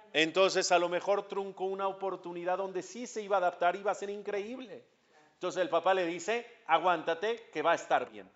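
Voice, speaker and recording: Man, rabbi giving a lesson, higher voice, dull lo-fi sound. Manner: animated storyteller acting out dialogue, asks the audience questions. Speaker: rabbi teaching a class. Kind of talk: religious lesson. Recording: dull lo-fi recording.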